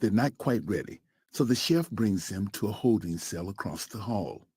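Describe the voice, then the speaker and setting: Low, lively dramatic male storyteller. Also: husky, dry recording. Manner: dramatic, with slow emphatic pauses. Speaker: narrator. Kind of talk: scripted storytelling narration.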